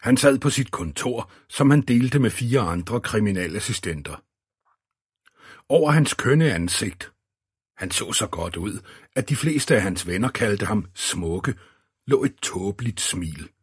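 A man narrates an audiobook in a low, husky voice. His reading is steady and even. The recording is dry and close, with no room sound. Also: no echo. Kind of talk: scripted narration.

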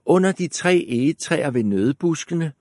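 A man voicing an innocent, trusting little girl in a storybook reading, raising his voice high and eager. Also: expressive, darkish tone, dry recording, studio quality.

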